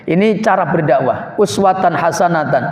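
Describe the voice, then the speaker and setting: A man's voice: on the high side, lively intonation, moderate pace. A male preacher giving a mosque sermon, explaining Arabic phrases simply and often turning to the listeners as "Pak". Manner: keeps addressing listeners as "Pak". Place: mosque hall. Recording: echoey muffled hall recording.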